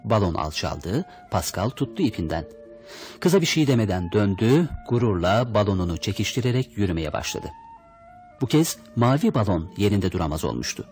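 A man's voice: lowish voice, very animated, moderate pace, darkish tone, soft background music. A man reading a children's story aloud, expressively voicing the characters' lines. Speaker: audiobook reader. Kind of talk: storybook narration.

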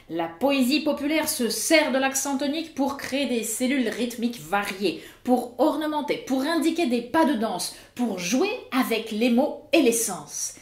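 A woman's voice: on the high side, reverberant. A woman teaching pronunciation, explaining each rule and carefully sounding out example words. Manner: slow, careful over-articulation of example words. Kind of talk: explanatory lesson.

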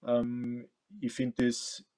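A man's voice: medium pitch, completely flat delivery, drawn-out words, darkish tone, clear, resonant tone. A man in his forties with an Austrian accent, a coach and teacher, talking thoughtfully on a video call from his home, with many fillers and restarts. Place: home room with bookshelves. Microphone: webcam on video call.

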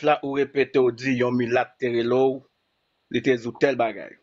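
A man's voice: medium pitch, level tone, normal speed, lo-fi sound. A man calling in to a live stream, pressing the host with pointed questions. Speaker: caller. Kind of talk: heated live call-in debate.

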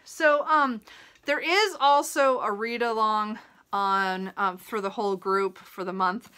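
Medium in pitch, this woman's voice is steady, clear, sharp and resonant, and she takes her time. In her thirties, she vlogs about books from a small home room, chatting to camera about her reading list. Her talk wanders, breaks off mid-thought, and is dotted with chuckles.

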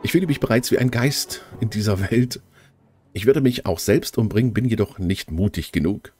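A man voicing a melancholy young noblewoman in a game, reading in a halting, stilted way. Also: lowish voice, a little mellow, soft background music, natural voice. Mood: gloomy.

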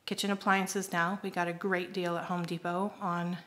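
A woman's voice: lowish voice, flat delivery, normal speed, fairly bright tone. Chatty middle-aged woman giving a home tour. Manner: chatty, explanatory, pointing things out with frequent ums. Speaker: homestead vlogger. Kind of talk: casual home renovation update. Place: kitchen under renovation, indoors. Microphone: handheld phone camera at arm's length.

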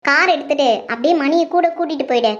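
Woman doing a brisk high-voiced mother. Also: muffled recording, close to an everyday voice. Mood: motherly. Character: cheerful middle-aged mother.

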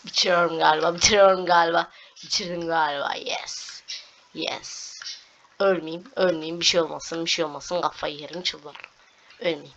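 A young woman chatters through a video game, excitable and coaxing the game aloud, repeating herself as she plays. Her voice is bright and fairly low, and it comes through a dull lo-fi mic with a faint hiss. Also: moderate pace. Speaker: gameplay streamer. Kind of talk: casual gameplay commentary.

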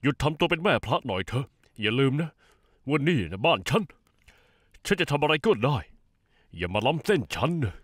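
A man's voice: a little high, big pitch swings, normal speed, long pauses, no room sound, studio quality. A man voicing an arrogant, bullying older brother-in-law in a dubbed TV drama, sneering and threatening.

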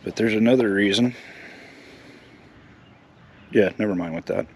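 This lawn care vlog host is a middle-aged American man with a lowish voice who speaks a little slowly. He talks through the job casually and matter-of-factly, in plain terms. The setting moves from a residential yard outdoors to an open garage, and the audio carries clear outdoor ambient sound.

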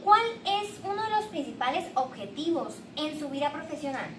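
In a small, bare indoor room with a tiled floor, a young adult woman hosts a scripted mock interview, putting formal questions as the interviewer. Her high voice swings widely in pitch at a moderate pace, captured by a far camera mic with room echo and background hiss.

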